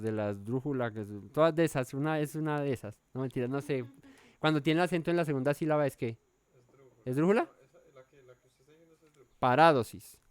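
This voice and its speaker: A man's voice: mid-range voice, clean tone, no room sound. A man teaching a verse-by-verse Bible study, thinking aloud with many fillers and self-corrections and often checking in with his listeners.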